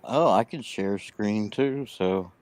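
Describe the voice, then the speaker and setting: A man's voice: on the low side, slow pace, a little mellow, no echo. A man with a slight lisp from missing front teeth, chatting casually on a live stream, telling a long rambling story and mumbling a little. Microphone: laptop.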